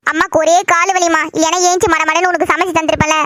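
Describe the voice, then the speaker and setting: A woman's voice: extremely high pitch, little pitch movement, fast, a bit bright, no echo. A woman voicing a bossy, fussing mother in a cartoon. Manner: fussing, scolding. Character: bossy mother of two teen daughters. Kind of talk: cartoon voice acting.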